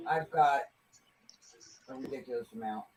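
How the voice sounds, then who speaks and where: A woman's voice: a bass voice, normal speed, darkish tone, husky, low-quality recording. A woman chatting casually with friends, blunt and teasing. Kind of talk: casual chat on a call.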